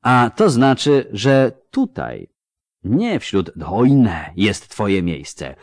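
A man voicing an ancient, aloof male elf sage who speaks slowly, quietly and with measured calm. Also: fairly low pitch, dry recording, full character voice. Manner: slow, quiet, measured speech.

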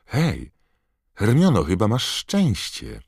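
A man's voice: on the low side, huge pitch swings, takes it slowly, vocal fry, a little mellow, slightly rough, dry recording, studio quality, pitched above the performer's own voice, exaggerated voice. A man reading an audiobook voices a friendly, practical teenage schoolboy wizard in a plain, friendly tone.

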